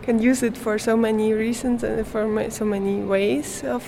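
Her voice is on the high side, gravelly and dark, held at a level tone and moderate pace, with slight background noise. She's a young Swiss guest artist, German by first language, answering interview questions in English while often pausing to find words and laughing softly.

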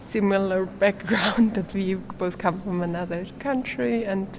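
Slow, hesitant Swiss woman artist. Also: mid-range voice, steady tone, slight background noise. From Switzerland. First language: German. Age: young adult. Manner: searching for English words, hesitant, laughs often. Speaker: guest artist. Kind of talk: interview answers.

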